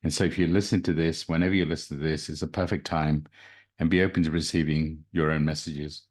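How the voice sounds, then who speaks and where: Guy with a super low voice chatting solo on his spiritual podcast, informal. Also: flat delivery, brisk. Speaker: podcast host and spiritual reader.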